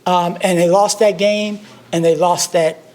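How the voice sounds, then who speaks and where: An older man speaks at a memorial in a notably high voice for a man. He tells his stories with dry, self-deprecating humor, in the manner of a tribute speech. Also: fairly even intonation, unhurried, darkish tone. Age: 60s. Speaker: alumnus speaker at a memorial service.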